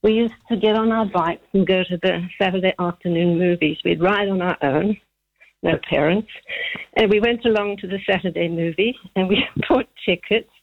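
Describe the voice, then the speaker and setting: A woman's voice: fairly low pitch, normal speed, gravelly. A woman in her seventies from Zambia, calling in to a radio show and telling a childhood memory with frequent laughter. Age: 70s. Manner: chatty, laughing often, rambling memories. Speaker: caller. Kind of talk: phone-in chat. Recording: tinny phone line.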